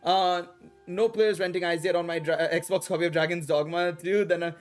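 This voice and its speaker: With a high pitch, fairly even intonation and slightly quick pace, a live streamer chats loosely during gameplay. Rooted in Dubai and India, he rambles in slangy, informal talk, his Indian English accent drifting toward British and American, over background music.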